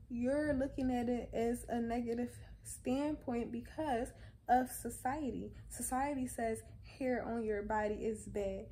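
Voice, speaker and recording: Chill woman vlogging her opinions, slightly high mellow voice, repeats stuff to make her point, bit of noise behind. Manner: conversational and insistent, repeats phrases for emphasis. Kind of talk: casual opinion monologue to camera.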